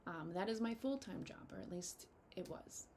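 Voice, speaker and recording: A young woman chatting to her viewers in a casual personal update, heartfelt and grateful, halting with many ums and getting emotional. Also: on the low side, expressive, a little mellow, slight background noise. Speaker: fantasy photographer and content creator.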